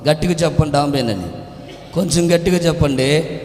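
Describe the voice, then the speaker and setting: A man preaching a sermon as a pastor, with a Telugu accent, building to impassioned shouts and calling on the congregation to answer him. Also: a little high, moderate pace, slight background noise. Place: church hall. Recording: echoey church hall with long reverb.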